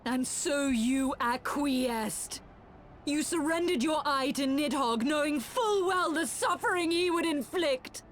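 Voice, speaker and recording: An actress playing a solemn, remorseful idealist in a video game, speaking earnestly in formal, measured phrases. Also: female voice, high voice. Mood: reproachful. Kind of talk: dramatic video game acting.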